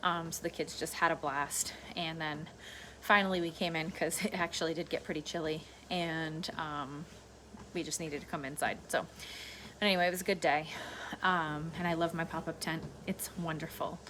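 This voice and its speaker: A middle-aged woman with a slightly low voice talks off the cuff in a casual vlog. She meanders and circles back over her points in an informal way, with noticeable background noise behind her. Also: moderate pace, rough recording. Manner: informal, meandering, repeats herself. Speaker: vlogger. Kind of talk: casual rambling solo vlog chat. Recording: clear steady background noise.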